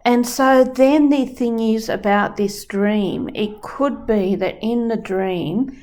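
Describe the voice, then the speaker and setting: A woman's voice: a little high, slow pace, a little mellow. A woman teaching dream work who talks through a client example step by step. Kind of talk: explaining a dream-work session.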